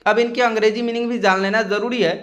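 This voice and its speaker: A man's voice: high-pitched, steady tone, fairly bright tone, lo-fi sound. A man teaching a spelling lesson in a voice-over, spelling letters out one by one and asking his viewers questions again and again. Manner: slow, spells out letters one by one, keeps asking "kya doston?". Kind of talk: screen-recorded Hindi spelling lesson.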